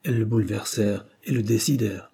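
A man reading a novel aloud in measured, literary narration. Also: fairly low pitch, gravelly, dark tone, slightly rough. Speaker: audiobook reader.

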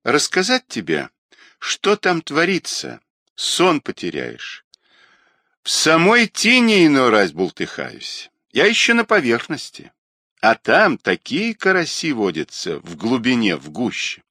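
A man's voice: medium pitch, huge pitch swings, a little slow, sharp tone, dry recording, clean studio sound, pitched above the performer's own voice, full character voice. A man reading as a rueful young trader. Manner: confessional, self-pitying. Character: rueful guilt-ridden young male small-time trader.

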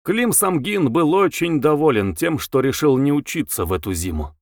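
A man narrating a novel as an audiobook reader, with expressive, lively intonation. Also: medium pitch, moderate pace, no echo, studio quality.

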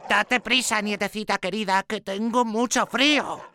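A man voicing a sly, hungry wolf who talks in a falsely sweet, slow, coaxing way in a storybook reading. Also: sits high, fairly even intonation, sharp tone, clean tone, soft background music, voice pushed up.

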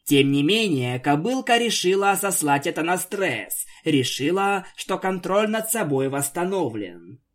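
A reader narrating an amateur fan story with expressive storytelling. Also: medium pitch, a little slow, few pauses.

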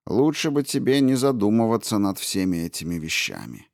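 A man voicing an old witch who was once a fairy queen, bitter and guarded, in a hushed, slow, menacing tone for an audiobook. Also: fairly low pitch, huge pitch swings, dry recording, clean studio sound. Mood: guarded, weary. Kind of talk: audiobook character reading.

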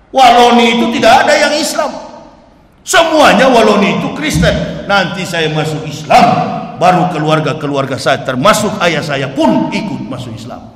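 A high-voiced man from Manado, Indonesia, preaching in a big hall with long reverb. His sermon is animated and full of laughter, and at times it climbs to a shout. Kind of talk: lively religious sermon.

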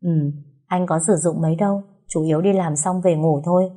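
Woman reading as a gentle, protective young man. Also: on the low side, steady tone, fairly quick, lightly acted. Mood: calm. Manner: soft, reassuring. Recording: roomy echo.

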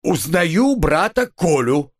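A man's voice: medium pitch, sing-song, extremely slow, slightly rough, full character voice. A man voicing a sullen, curt young swindler, as an audiobook figure. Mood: startled. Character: red-haired young male swindler, sullen.

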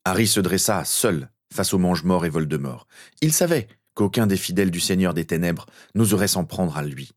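A man narrating a fan-fiction story as an audiobook in a steady, earnest way. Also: low-pitched, moderate pace.

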